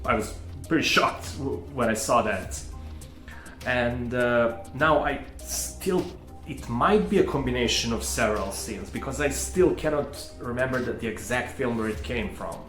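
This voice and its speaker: A man's voice: medium pitch, unhurried, fairly bright tone. A man, hosting his own channel and telling a personal story in a hesitant, rambling way full of restarts. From Serbia. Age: 30s. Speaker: channel host. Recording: echoey room with faint music.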